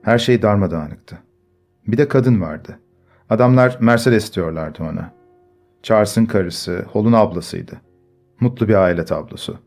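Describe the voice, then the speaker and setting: A man reading a story aloud in measured scripted narration. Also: lowish voice, darkish tone. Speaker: audiobook narrator. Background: faint music.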